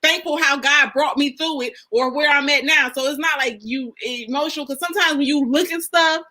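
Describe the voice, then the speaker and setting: A woman co-hosting a casual chat show, animated and emphatic in her arguments. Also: sits high, fairly quick. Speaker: co-host.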